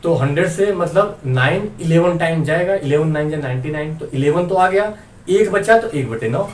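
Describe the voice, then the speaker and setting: A man's voice: on the high side, moderate pace. A man teaching a maths lesson, explaining step by step and often checking that the class follows. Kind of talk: classroom lecture. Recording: roomy sound, mic some distance off, faint hiss.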